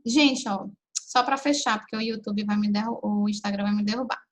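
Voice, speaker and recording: A woman's voice: mid-range voice, fairly even intonation, fairly quick. A woman hosting a casual live stream, chatting and giving parenting advice straight to her viewers. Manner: chatty and advice-giving, often addresses listeners directly. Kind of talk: casual live chat answering viewer questions.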